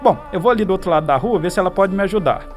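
An actor playing an anxious, devoted young son in a radio drama. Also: male voice, high voice, expressive, rapid-fire, soft background music. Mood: caring, earnest.

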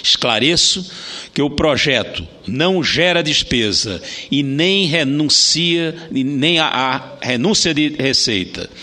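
A man with a Brazilian accent reading a formal parliamentary speech as a senator, in deliberate phrases with an occasional stumble. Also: on the high side, lively intonation, bright, forceful tone.

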